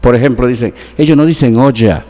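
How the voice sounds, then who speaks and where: A man's voice: medium pitch, a little fast, warm tone, in a large hall. A man from the Peruvian Amazon with a Peruvian Amazonian Spanish accent, a researcher being interviewed, explaining patiently with examples. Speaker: guest, researcher.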